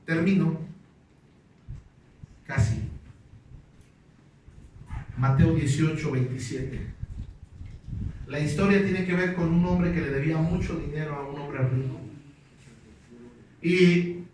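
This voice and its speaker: A man's voice: on the high side, takes it slowly, long pauses, darkish tone, very echoey. Male pastor, sermon, emphatic scripture reading, questions to the congregation, distant mic, faint background noise. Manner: asks the congregation questions and waits for replies.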